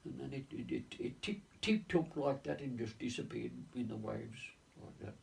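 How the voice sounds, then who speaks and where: A man in his nineties, a navy veteran recounting his wartime service in an oral-history reminiscence, halting and full of restarts and repeated words. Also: medium pitch, gravelly. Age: 90s. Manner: leans on stock phrases like "of course" and "lo and behold". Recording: voice distant from the mic.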